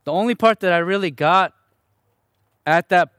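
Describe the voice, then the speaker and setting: A man's voice: high voice, normal speed, fairly bright tone, clear, resonant tone, no echo, studio quality. A young man from Chicago giving his personal testimony to a church gathering in an earnest, conversational, self-deprecating way. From Chicago, Illinois, USA.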